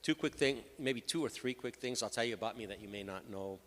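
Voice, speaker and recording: Speaking briskly at medium pitch, a middle-aged man from Lebanon shares his personal story as a panelist. He's a payments executive, and the reverberant conference hall and PA system color the sound.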